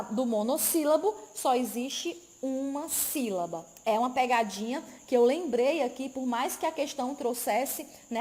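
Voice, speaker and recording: A woman teaches an exam-prep grammar class, explaining step by step and checking in with tag questions. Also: sits high. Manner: didactic, frequent tag questions, emphatic repetition. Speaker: Portuguese teacher.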